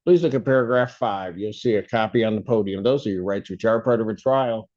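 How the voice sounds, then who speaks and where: A man presiding as a judge at a plea hearing, asking formal questions in a measured way, heard through a courtroom recording. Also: fairly low pitch, darkish tone. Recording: dull courtroom audio recording.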